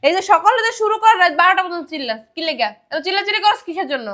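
Woman doing a mom, super high and bright, rattles off scolding really fast. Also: sing-song, heavily acted. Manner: scolding, quick retorts. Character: sharp-tongued middle-aged mother. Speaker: mother-in-law.

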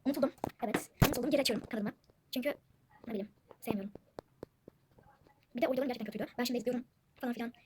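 A high-pitched young woman rattling off quick, chatty gameplay commentary and calling out to her viewers again and again. She is recorded at home, with siblings' chatter clearly audible in the background. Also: noisy background. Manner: chatty, addresses viewers constantly. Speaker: gaming channel host. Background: siblings talking in the background.

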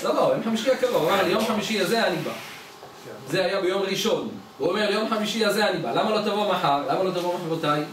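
A man's voice: high voice, fairly bright tone. A man, a rabbi, giving a storytelling Torah lesson and acting out the dialogue in his stories. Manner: acts out dialogue in his stories with changing voices. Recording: echoey room, mic at a distance, faint background noise.

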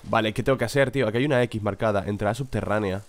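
A man narrates his own horror gameplay in a lowish voice. He reads out what he finds, gets spooked by noises and swears casually. A faint noise floor hums under the recording. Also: very fast. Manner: jumpy, swears, reads game text aloud. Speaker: gaming video host. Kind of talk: let's play commentary.

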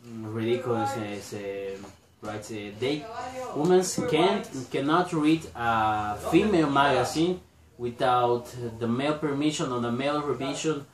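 A young man gives a class presentation in English, halting with many filler sounds and restarts, recorded on a laptop mic in a small room. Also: medium pitch. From Bolivia. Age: young adult. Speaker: student presenter. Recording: echoey room, a bit distant.

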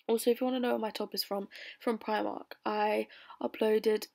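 Bored young British woman, creaky voice. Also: moderate pace. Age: young adult. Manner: bored, low-energy, flat delivery. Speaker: beauty vlogger. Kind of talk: casual makeup tutorial voice-over. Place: bedroom, voice-over recorded lying on bed.

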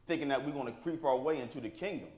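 In an echoey church sanctuary, a man preaches a sermon in plain, informal language, checking in with the congregation by asking "right?" after his points in a call-and-response style. His medium-pitched voice has a darkish tone, and he talks at a racing pace.

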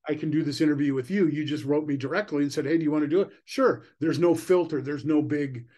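A man's voice: on the high side, quick pace, dark tone. Rambling enthusiastic middle-aged man. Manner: rambling, enthusiastic, many "you know"s. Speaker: guest musician. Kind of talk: casual interview chat. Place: indoor room at home. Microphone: video call.

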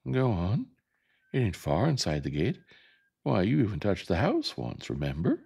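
Brief: man voicing defiant little girl, higher pitch, husky grain, storybook. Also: wildly swooping pitch, moderate pace, dark tone, full character voice. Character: stubborn tomboy girl, a little sister. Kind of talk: storybook reading.

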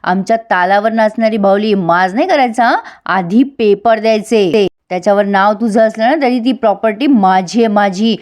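A woman's voice: mid-range voice, normal speed, few pauses, a little mellow, close to an everyday voice. A woman voicing an angry, greedy, bullying man who barks harsh demands and threats in a TV serial recap. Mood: threatening.

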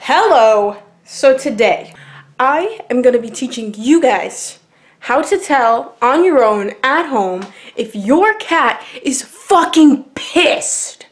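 A young woman hosting a comedic vlog, with a mock-scientific, deadpan delivery and casual swearing. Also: a little high, slow. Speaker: YouTuber.

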